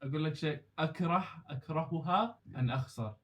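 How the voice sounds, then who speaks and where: A man's voice: a little high, quick pace, crowd noise. A British man chatting casually as a contestant, switching between English and Arabic with a Jeddah Hejazi accent. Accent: Jeddah Hejazi Saudi Arabic. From United Kingdom. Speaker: challenge contestant. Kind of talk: casual bilingual chat.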